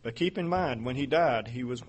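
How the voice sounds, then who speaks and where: A man giving a Bible teaching sermon in a measured way, reading verses aloud and asking rhetorical questions. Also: mid-range voice. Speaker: preacher.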